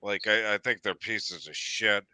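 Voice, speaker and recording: Lowish, very bright, hesitant man. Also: unhurried, smooth, dry recording. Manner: hesitant, rambling, searching for words. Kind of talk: casual political discussion.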